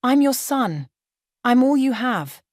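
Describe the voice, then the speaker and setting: A man's voice: very high-pitched, big pitch swings, slow, no echo, studio quality, voice pushed up, heavily acted. A woman reading as a panicked pleading grown son. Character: desperate adult son losing his inheritance.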